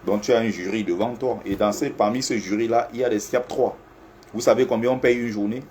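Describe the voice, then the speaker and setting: Speaking to camera from an air-conditioned office, this male security agent is animated and repetitive, talking straight to his viewers in a casual way. He has a lowish voice and talks fairly quickly, with a little background noise.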